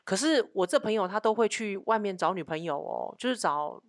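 A woman's voice: mid-range voice, animated, fairly quick, dry recording, clean studio sound. A woman co-hosting a frank relationship chat, blunt and teasing. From Taiwan. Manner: blunt, teasing, asks for agreement often. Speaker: co-host.

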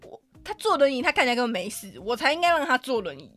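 Podcast host: Taiwanese woman, high, fast and very animated, salty storyteller. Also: faint music behind. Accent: Taiwanese Mandarin. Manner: animated storyteller, swears freely. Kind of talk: casual podcast chat.

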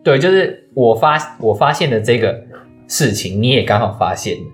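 A man's voice: medium pitch, expressive, normal speed, soft background music. A young man, chatting casually and explaining things at length with hesitant fillers. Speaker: podcast co-host, student. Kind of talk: casual chat.

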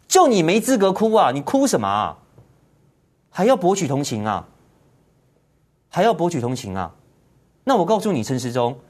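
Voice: mid-range voice, a little mellow. A political commentary host, ranting indignantly in heated commentary and firing off repeated rhetorical questions.

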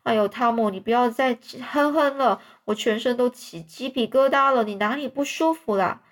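Woman voicing an anxious young boy, storybook, high voice, urgent fussing manner. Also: normal speed, natural voice. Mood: alarmed. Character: anxious excitable young boy, Tom's little brother.

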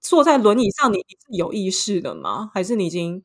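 A woman with a Taiwanese Mandarin accent, talking in a relaxed podcast chat with a middle-pitched voice. She tells her story with plenty of animation, dropping low and quiet, then rising high and loud. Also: brisk. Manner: animated storytelling, swings between hushed and excited. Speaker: podcast co-host. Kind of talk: casual chat.

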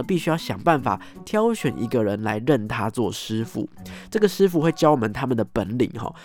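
A man telling a story as host, animated, acting out scenes and ending phrases with soft tag particles. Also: medium pitch. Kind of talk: casual storytelling monologue.

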